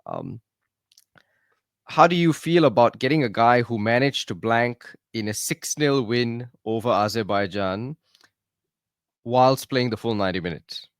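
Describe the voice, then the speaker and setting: A man's voice: mid-range voice, unhurried, clean tone, no echo, clean studio sound. A man hosting a podcast in casual chat, upbeat and teasing, keeping things moving. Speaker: podcast host.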